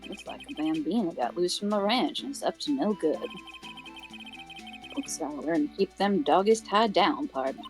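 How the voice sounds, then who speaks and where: A woman's voice: mid-range voice, expressive, brisk, over music, natural voice. A woman voicing a swaggering cowboy detective man, reading game lines in a put-on drawl with folksy slang.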